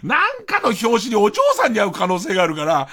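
Man, radio host, late-night monologue, husky tone, very animated pitch. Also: brisk. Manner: rambling comic anecdote, acts out dialogue. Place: radio studio.

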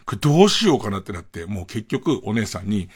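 A man's voice: lowish voice, sing-song, fast talker, breathy edge. A man hosting a late-night radio show, rambling through a comic anecdote and acting out the dialogue. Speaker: radio host. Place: radio studio.

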